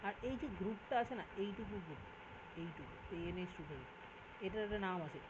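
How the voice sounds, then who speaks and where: Informal tutor, mid-pitched voice, dull lo-fi recording with steady background hiss, explains step by step and keeps checking in. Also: fairly quick. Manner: explains step by step, often checks with "ঠিক আছে?"; mixes English terms into casual explanation. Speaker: chemistry tutor. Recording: dull lo-fi audio with clear background noise.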